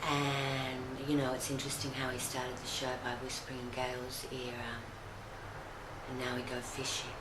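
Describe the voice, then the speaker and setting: Woman, low voice, hesitant commentary, echoey noisy room. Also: completely flat delivery. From Australia. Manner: halting, full of fillers and restarts. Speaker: video commentator. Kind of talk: casual commentary.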